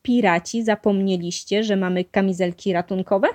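A woman's voice: mid-range voice, fairly even intonation, moderate pace, darkish tone, lightly acted. A woman reading a storybook aloud, voicing a timid little boy beaver who speaks hesitantly.

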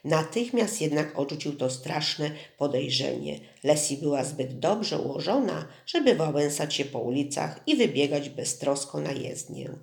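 An audiobook narrator reading in a steady, measured way at a middling pitch. The voice carries a roomy echo. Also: vocal fry. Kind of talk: scripted narration.

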